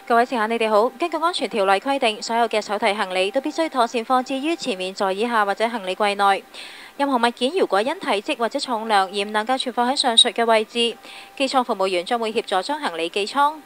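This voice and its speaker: Casting: woman as airline announcer, fast, formal scripted safety read, a touch high. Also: a bit bright, slight background noise. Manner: formal, fluent.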